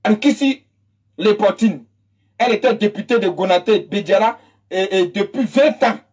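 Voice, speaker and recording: This mid-range, slightly mellow voice moves at a moderate pace. It belongs to a political commentator from Côte d'Ivoire whose impassioned monologue, in an Ivorian French accent, is emphatic, mocking, and full of repeated phrases.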